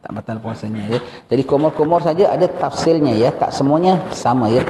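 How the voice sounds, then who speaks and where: An older man with a Malaysian Malay accent giving a lively religious lecture, questioning his listeners. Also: medium pitch, brisk, background noise. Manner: animated, questions the audience, acts out askers. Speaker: religious teacher. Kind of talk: mosque lecture on fasting rules. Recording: echoey room.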